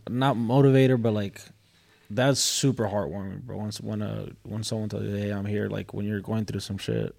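A man's voice: fairly low pitch, steady tone, moderate pace, creaky, a little mellow. A man hosting a podcast, talking casually and laid-back, with slang and lots of "bro". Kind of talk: casual chat.

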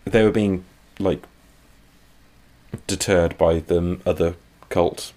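A man's voice: low-pitched, steady tone, takes it slowly, darkish tone. A man co-hosting a comics podcast, talking casually and rambling, often trailing off mid-thought. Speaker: podcast co-host. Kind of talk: casual comic book discussion.

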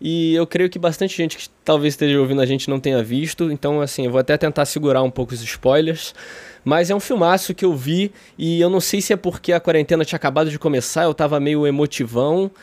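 Brazilian podcast co-host, young man, slightly high, bone-dry sound, chatty. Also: quick pace, a little mellow, dry recording. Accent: Brazilian Portuguese. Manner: chatty, laughs often. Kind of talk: casual podcast chat.

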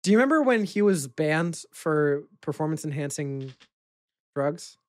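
A man co-hosting a loose podcast conversation, his voice sitting a little high for a man. He rambles through stories, laughs easily and swears offhand. The sound is dry and close, with no room around it. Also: lively intonation, unhurried, no room sound. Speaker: podcast co-host. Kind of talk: casual chat about fighting.

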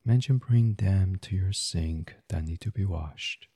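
A guided meditation host with a low, very breathy, husky voice leads a soft sleep meditation as an ASMR reading. He speaks very slowly, gently, soothingly, and unhurriedly, in a dry, close recording with no echo.

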